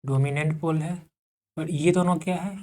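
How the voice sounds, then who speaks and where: A man's voice: fairly high pitch, fairly even intonation, warm tone. A man teaching an electrical engineering class, asking the class questions and repeating key terms as he dictates notes. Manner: dictates slowly for note-taking.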